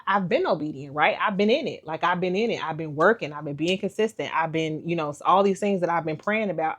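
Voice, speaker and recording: Woman, lowish voice, casual vlog chat, animated storytelling, calls people baby. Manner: chatty, expressive, acts out quoted voices with big pitch jumps; folksy, faith-filled, calls viewers honey and baby. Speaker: vlogger. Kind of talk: casual talk to camera.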